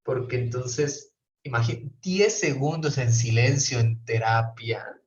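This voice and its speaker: A man's voice: mid-range voice, slow, a little mellow. A man teaching a therapy class online, explaining step by step and often checking in with his students. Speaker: professor teaching brief therapy. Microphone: computer mic on a video call. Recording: roomy, distant, dull video-call audio.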